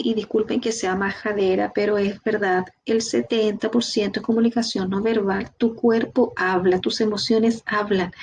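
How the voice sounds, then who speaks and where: A woman with a Chilean Spanish accent giving a training lecture, lively, asking her students rhetorical questions. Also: mid-range voice, gravelly, slight background noise. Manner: lively, talks to the class directly with rhetorical questions. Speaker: instructor.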